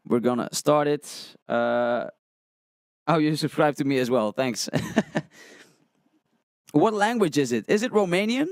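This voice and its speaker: On his livestream, a young man who reacts to music talks casually and thinks out loud while reading chat, his voice on the high side with lively intonation, an unhurried pace and long pauses. The sound is free of room noise, recorded through a studio condenser mic on a stand in a small, colored-light room as he wears headphones.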